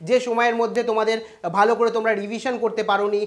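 A host giving an exam news update to students, talking quickly with frequent "ah" fillers and English loanwords. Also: mid-range voice, little pitch movement. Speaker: education news channel host.

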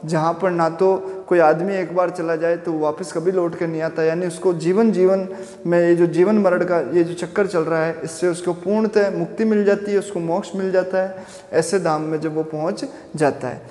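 Physics teacher, man, high voice, asks the class questions as he explains, roomy reverb. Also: steady tone, a little mellow. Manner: explains step by step with questions to students; chants Sanskrit verses slowly. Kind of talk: classroom lecture.

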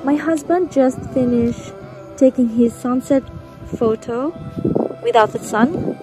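A woman's voice: high-pitched, slow, music in the background. A woman in her thirties vlogging a mountain hike, explaining the trail and giving practical tips. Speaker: travel vlogger. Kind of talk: travel vlog, narration and on-camera talk. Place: outdoors, parking lot and mountain trail.

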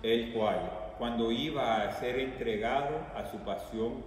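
Male priest, unhurried solemn liturgy, long cathedral echo, picked up from far off. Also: medium pitch. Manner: slow, solemn liturgical recitation. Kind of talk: leading the Mass prayers. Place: large church. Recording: echoey church from far off.

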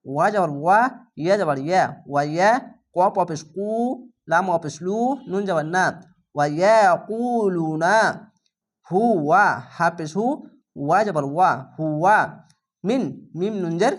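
Bangladeshi man, Quran teacher, slow patient syllable-by-syllable spelling lesson, drawn-out recitation. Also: sits high. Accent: Bangladeshi Bengali.

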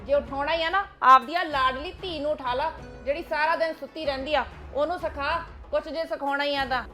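A woman's voice: high-pitched, steady tone, fairly quick, sharp tone, soft background music. A woman acting a scolding older grandmother and nagging mother-in-law in a family drama.

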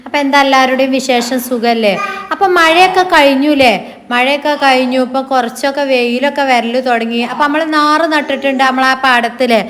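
A woman's voice: fairly quick, slight background noise. A middle-aged woman, chatting homely and talkatively in a casual family vlog. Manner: homely and talkative, drops into a soft low voice on sad family news. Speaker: family vlogger and mother.

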